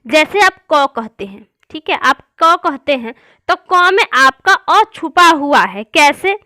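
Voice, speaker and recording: A woman teaching an exam-prep class in a high, bright voice. She explains step by step, repeats key points and answers her own questions. The sound is close and dry, with no room echo. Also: expressive, slow pace.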